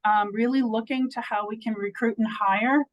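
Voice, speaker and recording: A woman's voice: on the high side, steady tone, moderate pace, rough recording. A woman presenting a state program on a video call, conversational and enthusiastic with many fillers.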